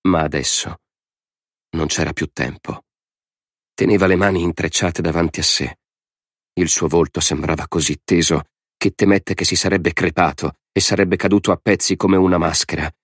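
A man reads an audiobook in a measured, dramatic manner. His voice sits very deep, and the studio sound is dry and close, with no room around it. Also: no echo. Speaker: audiobook narrator. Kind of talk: scripted narration.

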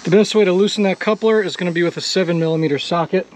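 A man with a slightly high voice talks through a hands-on repair in a casual, matter-of-fact way. He speaks outdoors into a camera microphone. A faint hiss of open air sits behind him. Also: rapid-fire. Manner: casual, step-by-step, swears when frustrated. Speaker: DIY mechanic host. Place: outdoors beside a jet ski.

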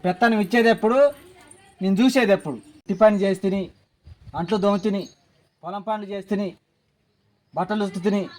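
A man's voice: high-pitched, fairly even intonation, a little fast, pauses often. A man acting a whining, demanding son-in-law in a village comedy sketch. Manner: whining, demanding, then shouting threats. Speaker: comic actor playing a live-in son-in-law.

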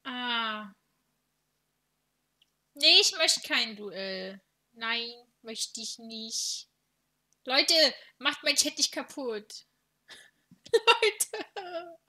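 Girl streamer chatting w friends n chat, highish super bright voice, playful. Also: expressive, extremely slow, long pauses. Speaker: livestream host, VTuber streamer. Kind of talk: casual livestream chat with friends and viewers. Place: indoors, streaming setup at a computer.

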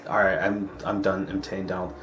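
A man's voice: sits low, little pitch movement, fast talker. A man hosting a let's play, talking casually over gameplay with lots of filler words. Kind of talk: casual game commentary. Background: game music.

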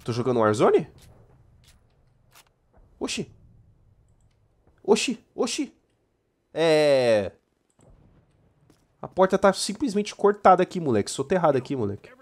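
Lively Brazilian man commenting on gameplay. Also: a little high. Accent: Brazilian Portuguese. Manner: animated, joking, yells during firefights; reads mission text aloud haltingly. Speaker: gaming channel host. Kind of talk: let's play commentary.

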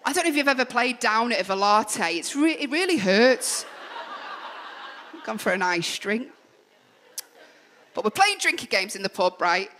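A young woman with a Mancunian accent performing a live stand-up comedy set on a club stage, chatty and full of quick asides, with the audience laughing. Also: a little high, sing-song, a bit bright, a little hiss or hum. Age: young adult. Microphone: stage microphone.

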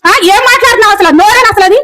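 A woman's voice: very high voice, rapid-fire, sharp tone, slight background noise, rough recording. A woman ranting angrily in a scolding, repetitive way. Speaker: video commenter. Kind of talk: angry rant.

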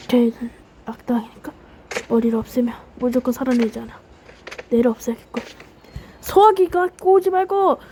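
A woman playing a game on camera, yelling and cursing while acting out lines for the characters in her match. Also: on the high side, slight background noise. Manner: shouty, swears, switches between playful role-play and yelling. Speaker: gaming YouTuber. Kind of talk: excited gameplay commentary with role-play voices.

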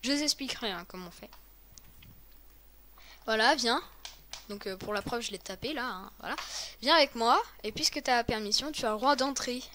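A woman's voice: fairly high pitch, normal speed, pauses often, bright, forceful tone, slight background noise. A woman hosting a casual game tutorial with a friend, talking in a chatty, hesitant way with many fillers and restarts. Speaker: host of a game tutorial video.

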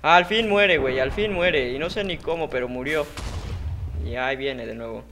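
A man with a Mexican accent giving casual, excitable commentary over his own gameplay, with sudden shouted outbursts and slang. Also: medium pitch, normal speed, slight background noise. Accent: Mexican Spanish.

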